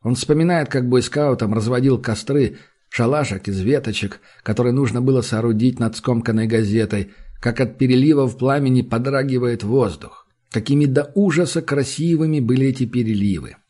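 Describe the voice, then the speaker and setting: Man, audiobook narration, husky voice, medium pitch, measured. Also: warm tone. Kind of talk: scripted literary narration.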